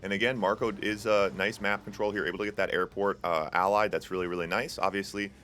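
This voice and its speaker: In a flat delivery, a young man with a fairly low, slightly bright voice moves at a quick pace through live esports commentary on a strategy game. Hosting the tournament stream, he keeps it chatty with fillers and asides to chat, with slight background noise in the mix.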